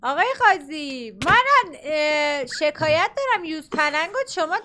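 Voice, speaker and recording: A woman playing a mock court case with friends in a game chat, excited and pushy. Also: sits high. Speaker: player in a role-play court. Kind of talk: casual gaming chat.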